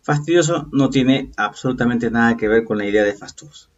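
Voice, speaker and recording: A man teaching a recorded review lesson, explaining patiently and checking in with quick "okay?" and "right?" questions. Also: medium pitch. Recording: distant, dull lo-fi voice.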